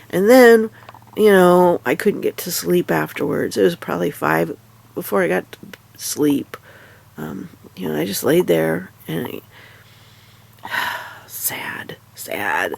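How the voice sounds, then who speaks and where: A tired woman with a stuffy nose, half awake and chatting casually in a rambling, halting way. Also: on the low side, creaky, darkish tone. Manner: rambling, halting, many fillers and restarts. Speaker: vlogger. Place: in bed at home.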